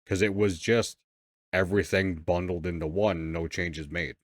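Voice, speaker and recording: A man's voice: low-pitched, fairly even intonation, normal speed, no room sound, studio quality. A man co-hosting a podcast in loose, casual chat, swearing freely and rambling. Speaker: podcast co-host.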